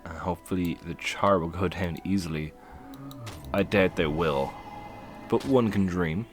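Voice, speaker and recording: A man's voice: low-pitched, unhurried, faint music behind. A man giving casual, playful commentary while streaming a game, laughing and humming to himself as he plays.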